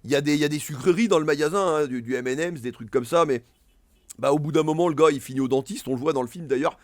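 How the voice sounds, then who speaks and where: Guy chatting about movies, kinda high voice, lots of euhs and restarts. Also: fast, no room sound. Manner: rambling, many fillers and restarts. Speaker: film reviewer. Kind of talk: casual film review monologue.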